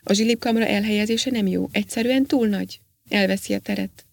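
A woman's voice: medium pitch, fairly even intonation, vocal fry, no room sound. A woman reading the part of a young male trainee astronaut who patiently explains a design flaw. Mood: explaining. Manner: hesitant, then patiently explaining.

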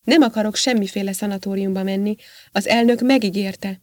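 A dazed, weary astronaut man, read by a woman in an audiobook, talking quietly and haltingly. The voice sits at a middle pitch, recorded close and dry with no room sound. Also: steady tone, dry recording, close to an everyday voice. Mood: insistent. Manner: quiet, tired, hesitant.

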